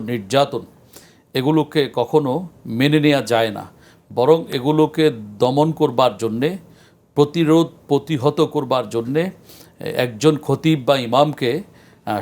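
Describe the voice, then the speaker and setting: A man, a scholar guest on a religious talk show, speaking in an earnest, measured lecturing way with frequent pauses. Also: mid-range voice, darkish tone. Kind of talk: studio discussion on a religious show.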